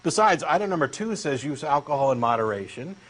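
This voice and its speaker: Brisk, very animated and fairly bright in tone, a high-pitched man with a Texan accent performs a comic dramatic reading as co-host. His character is an insistent, eager true believer, earnest and pushy.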